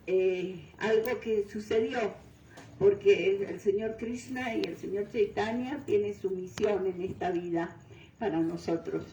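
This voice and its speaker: Older woman, from Venezuela, mellow voice, distant echoey hall recording. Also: mid-range voice, slight background noise. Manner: unhurried, searching for words, frequent fillers. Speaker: guest speaker. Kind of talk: devotional talk. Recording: distant mic in roomy hall.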